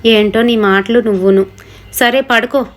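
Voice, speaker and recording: A woman's voice: on the high side, steady tone, a little slow, lightly acted. A woman voicing a protective young husband who lectures and brushes off his wife's fears. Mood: scolding. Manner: dismissive, lecturing.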